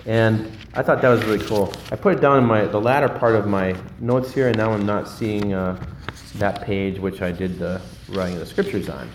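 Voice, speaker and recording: Casual preacher in an echoey room. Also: male voice, lowish voice, steady tone, normal speed, slight background noise. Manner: casual, searching for words, loses his notes. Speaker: pastor. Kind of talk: sermon.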